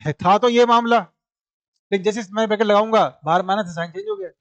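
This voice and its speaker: A man's voice: sits high, quick pace, fairly bright tone, no echo. A male maths teacher, giving a classroom lecture, explaining step by step, repeating points and asking rhetorical questions.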